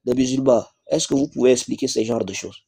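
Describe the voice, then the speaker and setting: A man's voice: medium pitch, brisk, gravelly, mellow, breathy edge. A man reading out religious texts in a live online debate, insisting and repeating rhetorical questions.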